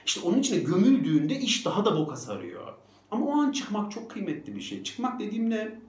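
A man giving a motivational self-help talk, speaking directly to his listeners in an animated way. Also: high-pitched, brisk, echoey room.

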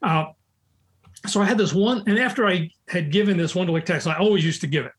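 An older man, a recruiter appearing as a guest, chats casually on a call in a high-pitched voice at a quick pace. He tells long, rambling anecdotes with frequent restarts, and the audio is call quality.

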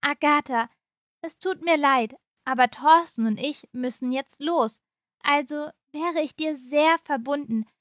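A woman's voice: high-pitched, unhurried, fairly bright tone, no room sound, studio quality. A woman voicing a stressed mother on the phone in a story reading, strained and trying to stay polite. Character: stressed, harried young mother. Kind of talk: audiobook reading of a short story.

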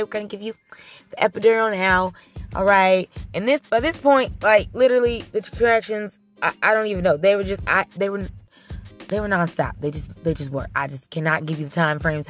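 A woman telling a story in a casual, comic way, animated and blunt, swearing freely and often restarting her sentences. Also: deep voice. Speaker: storyteller recounting her childbirth. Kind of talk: casual comedic storytelling to camera.

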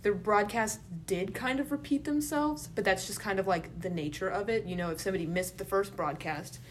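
A woman's voice: mid-range voice, fairly quick, slight background noise. A young woman co-hosting a podcast, chatting casually about films and often saying "like" and "you know". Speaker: podcast co-host. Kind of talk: casual film chat.

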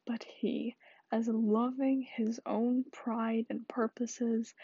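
A woman reading the lines of a bitter, scheming male soldier in a soft whisper, in a dull lo-fi recording. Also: extremely high pitch, creaky, breathy edge, no room sound, heavily acted.

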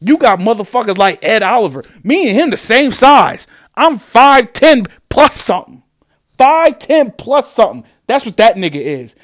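A man ranting angrily and profanely about his football team's losses, repeating himself as he vents. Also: high-pitched. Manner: angry, profane, repetitive. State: upset. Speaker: sports fan ranting. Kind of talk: profane sports rant.

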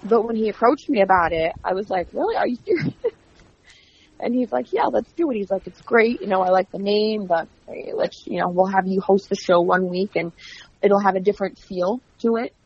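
A woman being interviewed as a wrestling commentator, telling stories in a chatty, animated way and acting out quoted dialogue. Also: medium pitch, a little fast, husky. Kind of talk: casual interview. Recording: dull lo-fi audio.

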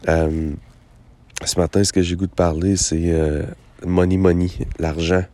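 Quebec guy w a hoarse gravelly low voice, pretty flat and mellow, casual rambling memo, repeats himself. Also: a little slow, dry recording. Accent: Quebec French. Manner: hesitant, thinking aloud, often repeating words. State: hoarse after a late night. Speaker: host of a personal voice-memo show. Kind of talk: casual, unscripted monologue. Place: outdoors on a lakeside beach.

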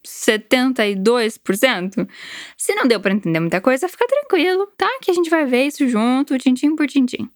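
A woman's voice: high-pitched, animated, normal speed, no echo, clean studio sound. A woman from Brazil giving a chatty, encouraging English lesson and explaining the words. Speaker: English teacher. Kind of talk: language lesson.

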